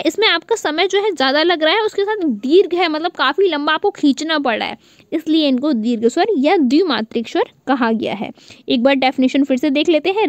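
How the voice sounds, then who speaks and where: A woman teaches an online class in a high, clear voice. She repeats each key point back to her students as a question. The recording is dry and close, with no room echo. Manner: draws out vowel sounds to demonstrate length.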